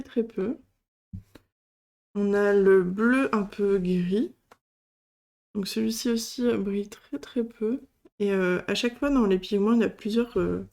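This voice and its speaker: A woman's voice: mid-range voice, dark tone. A woman hosting a casual product demo, speaking hesitantly with many fillers as she shows items one by one. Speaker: craft channel host.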